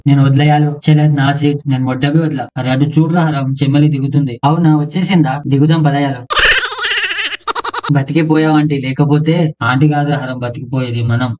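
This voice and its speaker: A man's voice: mid-range voice, warm tone. A man voicing rowdy young village friends in a cartoon comedy, teasing each other with crude banter. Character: bickering young village friends and bus folk. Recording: muffled, dull, noisy sound.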